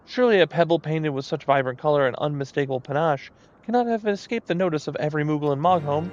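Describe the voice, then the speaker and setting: A man's voice: on the high side, fast, darkish tone, highs cut off, natural voice. A man voicing a vain, fussy moogle painter in a pompous, theatrical manner. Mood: boastful. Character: vain, fussy moogle artist, grandly self-important.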